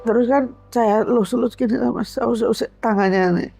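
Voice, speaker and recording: A woman's voice: a little high, fairly quick, vocal fry, mellow, soft background music. A middle-aged woman with a Javanese accent, telling a personal story earnestly and on the edge of tears. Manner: tearful, earnest, addresses listener as Mas. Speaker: storytelling guest. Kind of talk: emotional personal account.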